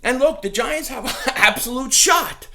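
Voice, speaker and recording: Excitable trash-talking male sports fan. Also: extremely high pitch, a little slow, vocal fry. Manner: animated trash-talking, repeats his punchlines. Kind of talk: casual sports rant.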